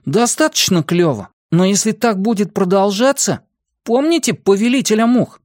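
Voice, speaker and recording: A man voicing an excitable, cynical teenage boy in an audiobook, talking loudly. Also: high-pitched, normal speed, no room sound, clean studio sound, voice pushed up. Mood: excited. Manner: loud, animated.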